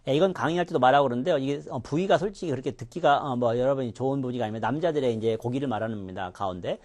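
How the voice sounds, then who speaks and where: A man's voice: mid-range voice, rapid-fire, darkish tone. A man teaching English pronunciation in a recorded lecture, demonstrating sounds with exaggerated contrasts.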